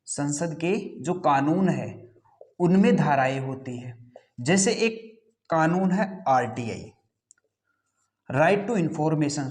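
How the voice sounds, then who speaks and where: A man teaching an exam-prep class, who asks rhetorical questions, answers them himself and repeats key terms. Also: a little high. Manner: repeats key terms, says "ठीक है" often.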